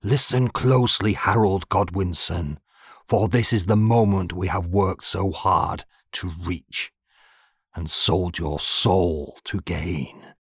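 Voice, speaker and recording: A man voicing a croaking, bitter dying old king. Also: low-pitched, slow pace, no room sound, studio quality, heavily acted. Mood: bitter, urgent. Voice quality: croaking, spat-out words. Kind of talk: audiobook character reading.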